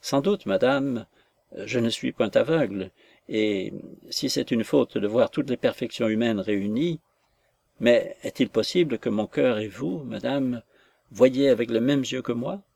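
A man voicing a gentle, distressed young woman in a storybook reading, with a tender, pleading delivery. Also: medium pitch, measured pace, creaky.

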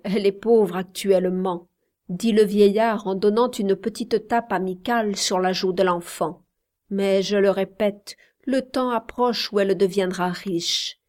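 A woman voicing a pensive, doting old grandfather who murmurs in a slow storybook reading. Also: mid-range voice, fairly even intonation, a little mellow, natural voice. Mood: brooding.

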